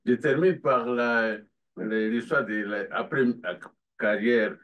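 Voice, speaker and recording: A man, asking a panel a long question in an earnest, halting way. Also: mid-range voice, lo-fi sound. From Democratic Republic of the Congo. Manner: halting, restarts often, earnest. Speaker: audience member asking a question. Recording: from far off in a room.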